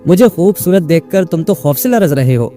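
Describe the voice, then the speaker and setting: A man's voice: a little high, animated, warm tone, soft background music, natural voice. A man voicing a playful, mocking female witch spirit in a storybook tale. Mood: teasing.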